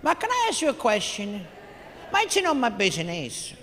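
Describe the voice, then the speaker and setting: A man's voice: very high-pitched, huge pitch swings, moderate pace, fairly bright tone, full character voice. A man voicing a blunt eighty-something aunt who talks in broken English, recorded live with hall reverb. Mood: nosy, teasing. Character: blunt elderly immigrant aunt, woman in her eighties.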